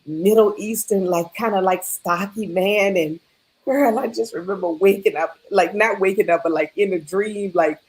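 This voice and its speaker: Woman, talk show co-host, casual chat, animated, middle pitch. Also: moderate pace, low-quality recording. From New Orleans family roots. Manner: animated storyteller, slips into voices.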